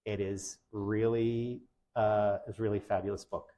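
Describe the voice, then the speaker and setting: A man's voice: on the low side, level tone, a little slow, dark tone. A man giving an informal presentation to parents of deaf children, enthusiastic and conversational, with loose, chatty phrasing.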